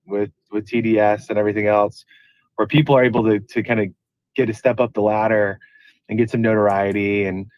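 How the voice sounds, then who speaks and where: A man's voice: fairly low pitch, level tone, fairly quick, dry recording, dull audio. A man calling in from his car over the speakerphone, talking earnestly and rambling with many restarts. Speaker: caller, activist organization leader. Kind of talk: casual call-in remarks. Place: driving in a car.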